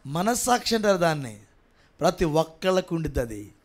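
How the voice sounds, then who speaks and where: A pastor preaching a sermon with a coastal Andhra Telugu accent, swinging between quiet pleading and loud shouting and asking the congregation repeated rhetorical questions. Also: male voice, a little high, sing-song, fairly quick.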